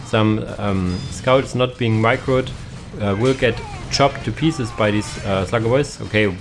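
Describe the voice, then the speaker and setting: A man's voice: on the low side, unhurried, over music. A young man giving casual, hesitant commentary on a strategy game match, with many fillers and restarts. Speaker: caster.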